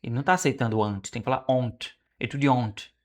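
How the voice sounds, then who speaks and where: A Brazilian Portuguese speaking man studying French aloud, repeating phrases slowly and correcting himself as he goes. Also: mid-range voice, expressive. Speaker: language learner streaming his study. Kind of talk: casual study vlog, thinking aloud.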